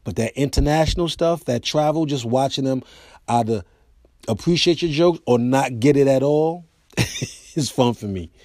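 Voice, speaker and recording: In a casual storytelling monologue on his own podcast, an American comedian spins funny tales with loose, lively energy, performing the quoted voices himself. He talks at a normal speed with a medium pitch, recorded in studio quality with no room sound.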